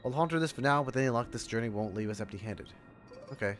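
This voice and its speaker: A fast-talking man with a medium-pitched voice streams a game as game music plays. He reacts in an offhand way and reads text aloud, his informal chatter constantly breaking off and restarting.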